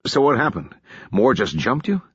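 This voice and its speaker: An earnest, plain-spoken army officer, as a male narrator puts him on, in a husky, slightly raised voice. The delivery moves lively in pitch. The audiobook sound is dry and a bit dull. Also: moderate pace, no echo, heavily acted.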